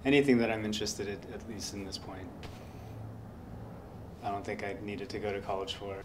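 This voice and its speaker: An American guitarist gives a relaxed interview in an indoor workshop studio, with background noise audible. He is soft-spoken with a lowish, flat voice, talking fairly quickly and rambling with lots of fillers.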